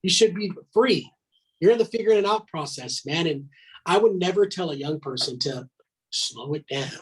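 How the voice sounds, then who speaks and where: A man's voice: on the high side, animated, normal speed, husky, poor audio. A man in his thirties, a podcast guest, talking in a blunt, emphatic way, swearing and filling his talk with "man". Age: 30s. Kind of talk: casual podcast chat.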